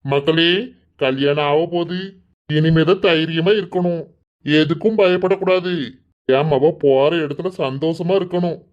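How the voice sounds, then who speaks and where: A voice actor playing a soft-hearted village father in a cartoon, gentle and soothing, with a Kanyakumari Tamil accent. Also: mid-range voice, steady tone, measured pace, natural voice. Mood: tender. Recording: dull lo-fi recording.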